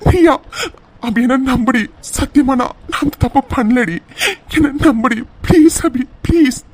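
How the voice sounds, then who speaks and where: Desperate young cartoon husband begging to be believed, voice actor doing him, mid pitch, keeps repeating himself. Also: a little fast, darkish tone, close to an everyday voice. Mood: pleading. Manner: pleading, tearful, repeats himself. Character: young husband, anguished and pleading. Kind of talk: cartoon serial dialogue.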